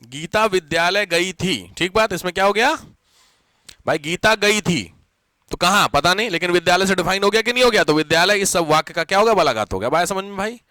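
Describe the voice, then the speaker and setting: A man teaching a Hindi grammar class, repeating examples slowly, often asking the students whether they have understood and mixing English words into his Hindi. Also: high voice, expressive, sharp tone, dry recording. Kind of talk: classroom lecture.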